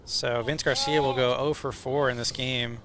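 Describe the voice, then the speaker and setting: A man's voice: medium pitch, steady tone, normal speed, a loud crowd. A man giving live play-by-play commentary as a baseball announcer.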